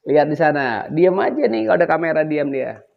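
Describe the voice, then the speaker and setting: A man's voice: a little high, expressive, a little fast, creaky, dull audio. An older man, hosting a casual cooking vlog and playfully coaxing his grandchild as he talks. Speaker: vlog host.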